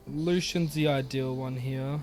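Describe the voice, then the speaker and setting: A young man from Australia giving casual gameplay commentary in a relaxed, rambling way, with many "um"s and yawns. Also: mid-range voice, unhurried, a little hiss or hum. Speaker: gaming YouTuber.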